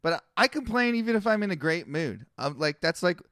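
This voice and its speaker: A young man rambles through a story on a casual podcast, griping about everything with a deadpan edge. His voice is smooth and resonant, a little high for a man. The sound is close and dry. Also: fairly quick, no room sound. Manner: complaining storyteller, deadpan gripes. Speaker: podcast co-host.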